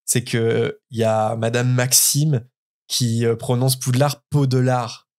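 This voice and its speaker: A man's voice: medium pitch, little pitch movement, unhurried, a little mellow. A French man hosting a casual podcast, enthusiastic and hesitant with frequent fillers. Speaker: podcast host. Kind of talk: casual chat about book translation.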